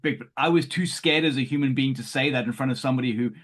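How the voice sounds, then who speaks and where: A man's voice: medium pitch, quick pace, fairly bright tone. A man hosting a podcast, talking earnestly and often restarting his sentences. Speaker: podcast host. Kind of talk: conversational podcast chat.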